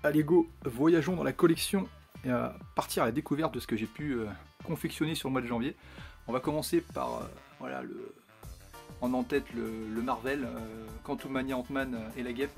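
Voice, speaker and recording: A man's voice: mid-range voice, expressive, brisk, creaky, darkish tone, soft background music. Chatty man showing his collection. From France. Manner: chatty, rambling with many fillers and restarts. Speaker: steelbook collector vlogger. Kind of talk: casual collection showcase.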